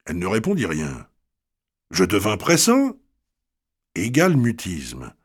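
A man reading a story aloud in a wry, expressive way. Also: fairly low pitch, takes it slowly, husky.

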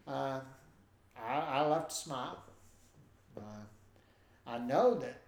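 As a guest in a conversation, an older nasal-voiced man spins stories slowly at a medium pitch, lively and acting out quoted voices. The room sounds spacious, with faint ambience.

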